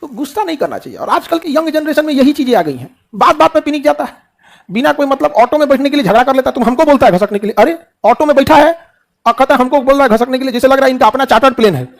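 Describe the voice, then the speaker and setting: A man's voice: extremely high pitch, expressive, quick pace, creaky. A middle-aged man with a Bihari Hindi accent giving a motivational speech to students, asking rhetorical questions and answering them himself, joking in a colloquial way.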